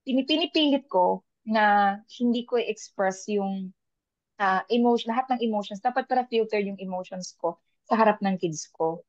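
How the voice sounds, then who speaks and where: A woman's voice: mid-range voice, moderate pace, no echo. A woman, a working mother speaking thoughtfully in a casual podcast chat, mixing two languages. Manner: thoughtful, mixes Tagalog and English, many restarts. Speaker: panel guest; working mother of young kids. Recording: dull lo-fi sound.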